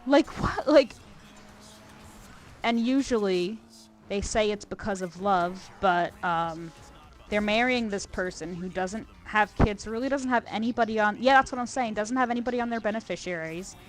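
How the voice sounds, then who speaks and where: A woman streaming a video game, chatting casually in a rambling way, full of fillers and animated asides. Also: medium pitch, moderate pace. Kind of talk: casual gameplay chat.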